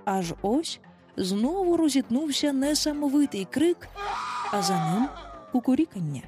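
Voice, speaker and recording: A woman narrating a children's adventure story in a dramatic, expressive manner. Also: high voice, measured pace, over music.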